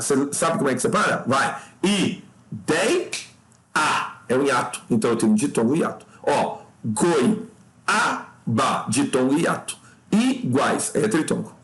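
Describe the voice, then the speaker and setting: A man from Brazil teaching an exam review lesson, talking the listener through each answer, checking in often with quick asides and jumping higher in pitch to stress his points. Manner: explanatory, peppered with "tá?" check-ins and addressing the listener as "cara"; lively pitch jumps when stressing points.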